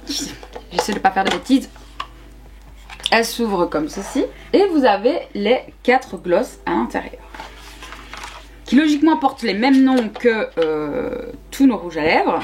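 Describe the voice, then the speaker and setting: A woman's voice: medium pitch, slight background noise. A young woman, chatting casually through a makeup review with lots of fillers and repeated words. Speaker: beauty vlogger.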